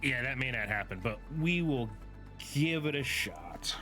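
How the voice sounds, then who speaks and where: A tired, yawning young gaming streamer chats casually about his game over the game music, thinking out loud and dropping fillers along the way. His medium-pitched voice has a sing-song, unhurried quality, with a bright yet forceful tone.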